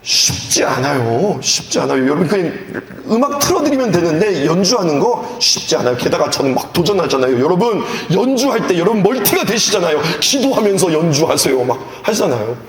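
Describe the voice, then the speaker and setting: A male pastor preaching a sermon at a youth retreat in an animated way, asking the audience questions and acting out scenes. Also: on the high side, fairly quick, few pauses. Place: church hall. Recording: echoey hall with faint background noise.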